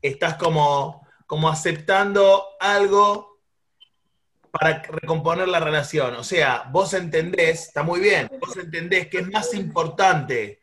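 Rioplatense male teacher, high voice, lively, questions the class. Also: measured pace. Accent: Rioplatense Spanish. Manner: animated, asks the class questions, acts out quarrels. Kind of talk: classroom lesson.

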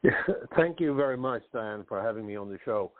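A middle-aged man from Sweden, a pricing consultant guest on a podcast, speaking hesitantly with many restarts and throat-clearing. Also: fairly low pitch, lively intonation, a little fast, no room sound. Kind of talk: podcast interview. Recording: tinny phone line.

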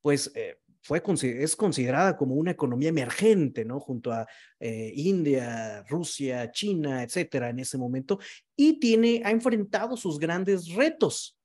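A man's voice: on the high side, expressive, measured pace, a little mellow. A man hosting a podcast in a conversational, courteous and wordy interviewing style. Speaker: podcast host.

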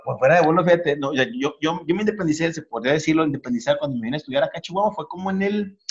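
A Mexican man in his forties hosts a comedy talk, rattling off slangy jokes at a fast clip. His voice sits a bit high. The recording is dull and lo-fi. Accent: Mexican Spanish. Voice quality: rapid, slangy, joking delivery. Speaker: host. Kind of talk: comedic casual chat. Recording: dull lo-fi audio.

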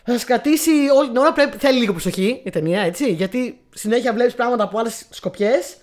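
A woman co-hosting a film podcast, gushing about films she loved. Her voice sits a little above the usual pitch for a woman. She talks in a chatty, eager way. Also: animated, a little mellow. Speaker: podcast co-host. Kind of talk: casual film-review chat.

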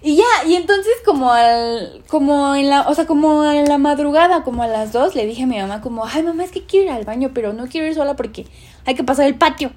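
Young woman telling a spooky story, animated, fillers everywhere, slightly high voice. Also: brisk. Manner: animated, acts out quoted voices, many fillers. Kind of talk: casual chat, telling a ghost story.

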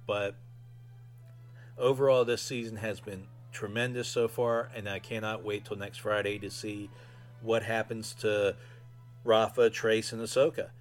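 A man's voice: lowish voice, level tone, measured pace, soft background music. A man casually giving his own fan review as a solo podcast host.

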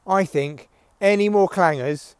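Male comic podcaster, fairly high voice, sweary rambling monologue, dry sound through a headphone mic. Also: unhurried, a little mellow, smooth, no room sound. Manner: sweary, ranting, opinionated. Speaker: podcast host, comedian. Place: outdoors in windy weather. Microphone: headphones used as mic. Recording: recorded through headphone mic, rustly clicks.

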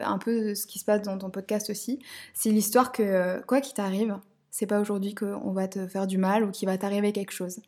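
A woman guest on a podcast talks at a mid pitch. She sounds upbeat and a little hesitant, and laughter breaks into her answers often. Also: a little mellow. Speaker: podcast guest, art director. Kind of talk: casual podcast interview.

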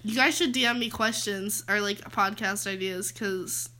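A woman's voice: medium pitch, moderate pace, background noise. A teenage girl co-hosting a casual podcast, giggly and rambling, saying "like" a lot. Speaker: podcast co-host. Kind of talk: casual chat.

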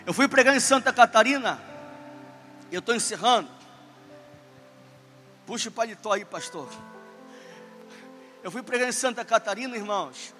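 A man preaching a sermon as pastor, with passionate delivery that climbs to shouting. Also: extremely high pitch, normal speed, long pauses, soft background music. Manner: impassioned preaching, rising to shouts.

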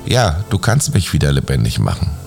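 A man's voice: rumbling low, sing-song, fairly quick, vocal fry, darkish tone, soft background music, full character voice. A man voicing a loyal old servant who pleads earnestly, in a bedtime fairy tale reading. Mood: solemn.

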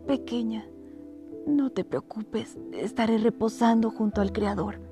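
A woman voicing a gentle dying mother who speaks faintly and tenderly in a dramatic audiobook reading. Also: mid-range voice, fairly even intonation, measured pace, soft background music, lightly acted. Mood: weak tender. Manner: faint, hushed, weak.

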